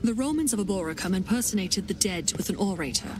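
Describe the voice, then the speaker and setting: An actress voicing a vengeful warrior queen in a video game, a grieving mother with iron will who speaks gravely and with command. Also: medium pitch, lively intonation, fast, lightly acted. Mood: grim, vengeful. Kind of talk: video game character dialogue. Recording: music behind the voice.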